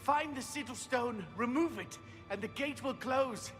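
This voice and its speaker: A man's voice: extremely high pitch, a little slow, fairly bright tone, in a large hall, soft background music. A man voicing a frightened male prisoner in a video game, urging the hero on in an urgent, pleading way. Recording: game audio heard faintly under the player's talk.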